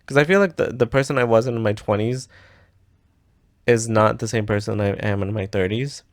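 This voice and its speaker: Low-voiced easygoing man in his thirties. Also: moderate pace, dry recording, clean studio sound. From United States. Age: 30s. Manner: chatty and easygoing, laughs easily. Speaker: podcast co-host. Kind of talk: casual chat.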